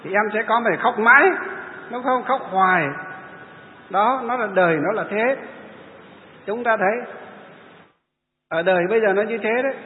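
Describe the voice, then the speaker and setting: A man delivers a Buddhist dharma talk, throwing rhetorical questions at his listeners and then answering them himself. His voice sits high, and it comes through thin and tinny, with a long hall echo and a faint background hum. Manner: mimics wailing funeral laments. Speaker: Buddhist preacher. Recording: echoey hall over a tinny line.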